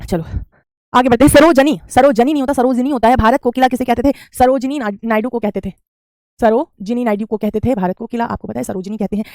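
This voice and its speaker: A woman's voice: on the high side, fairly even intonation, quick pace, a little mellow, no echo, studio quality. A woman, teaching Hindi spelling in an online class, repeating each word and calling students beta. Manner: repetitive drilling, calls students beta.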